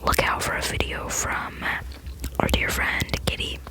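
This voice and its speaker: A woman hosting an ASMR video, talking in a soft, giggly, rambling whisper. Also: a little slow, low-quality recording. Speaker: ASMR channel host.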